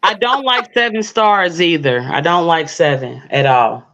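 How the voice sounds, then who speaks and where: A woman calling into a live stream chat, speaking hesitantly with many pauses and fillers. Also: lowish voice, a bit bright, a little hiss or hum. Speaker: guest caller.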